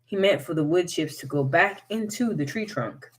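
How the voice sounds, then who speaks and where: A woman reading a folktale aloud as a storyteller, in an unhurried, expressive way. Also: lowish voice.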